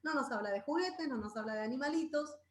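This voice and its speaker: A woman's voice: high-pitched, animated, fast talker. A woman leads a parenting Bible class in an easy, conversational way. She keeps checking in with her listeners and acts out children's voices now and then. The recording has a roomy echo. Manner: conversational, tags phrases with "¿verdad?". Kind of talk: informal Bible parenting talk.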